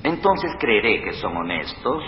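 An actor playing a shrewd, composed governor in a Spanish biblical drama, measured and authoritative. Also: male voice, on the low side, sing-song, dull audio, slight background noise. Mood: stern, knowing. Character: Joseph, shrewd composed governor hiding his identity. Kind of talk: Spanish-language dubbed biblical drama acting.

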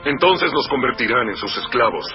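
An actor playing an earnest, protective, blunt brother in a Spanish biblical drama. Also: male voice, mid-range voice, expressive, normal speed, muffled recording, faint music behind, natural voice. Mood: bitter. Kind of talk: Spanish-language dubbed biblical drama acting.

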